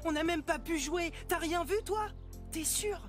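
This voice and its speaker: An actor playing a stubborn, earnest young boy basketball player in an animated series, insistent and pleading. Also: very high voice, normal speed. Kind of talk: French animated series dubbing. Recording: music under the voice.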